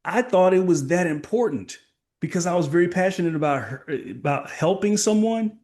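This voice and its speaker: A middle-aged Texan sales coach speaks in a fairly high, animated, slightly mellow voice at a normal pace. In a podcast interview he gives emphatic, motivational answers, often posing rhetorical questions.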